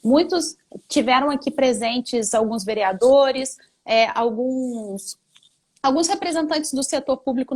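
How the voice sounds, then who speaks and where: A woman hosting a live-stream interview, chatty and friendly toward her guest, with frequent conversational fillers. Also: a little high.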